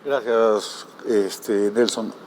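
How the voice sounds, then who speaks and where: A man moderating a conference panel, putting questions to the panelists with frequent pauses and fillers. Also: on the low side, fairly even intonation, a little mellow, a little hiss or hum. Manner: halting, many filler sounds.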